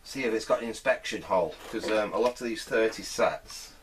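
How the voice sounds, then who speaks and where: Brisk and on the low side, a middle-aged man's voice carries over slight background noise as he restores a vintage radio at an indoor workbench. He presents casually, thinking aloud hesitantly as he works with his hands.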